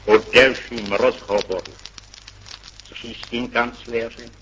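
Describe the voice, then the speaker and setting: Male statesman on old worn archive tape, reading a formal declaration slowly, dull and muffled. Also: mid-range voice, flat delivery, a bit bright. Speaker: head of state. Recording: dull, hissy archive recording.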